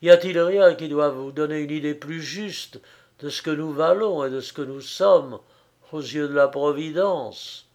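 A man narrating classic fiction in a measured, expressive audiobook reading. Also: a little high.

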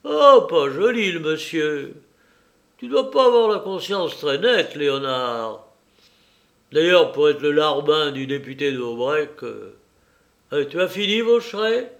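A man voicing a commanding, sardonic gentleman burglar in an audiobook reading, brisk and bossy with his accomplices. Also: fairly high pitch, vocal fry.

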